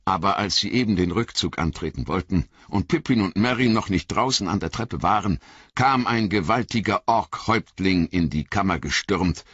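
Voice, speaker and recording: A man with a very deep, husky voice reads an audiobook in a dramatic, expressive way, his pitch swinging widely. The sound is dry, with a bright edge, but slightly dull and lo-fi overall. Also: no echo. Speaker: audiobook narrator.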